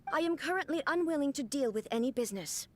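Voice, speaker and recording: A calm, computer-like puppet ruler. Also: female voice, high-pitched, quick pace, slight background noise. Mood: flat. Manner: flat, mechanical, computer-like delivery. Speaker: game character. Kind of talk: video game voice acting.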